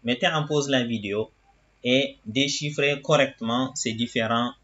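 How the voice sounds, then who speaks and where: A man teaching a reading lesson, sounding out words slowly syllable by syllable in a patient, drawn-out way. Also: mid-range voice, fairly bright tone, muffled recording.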